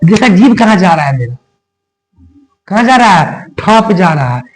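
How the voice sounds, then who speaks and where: A man's voice: high voice, very animated, normal speed, poor audio. A man teaching a grammar lesson, sounding out letters one by one and quizzing his students with repeated questions.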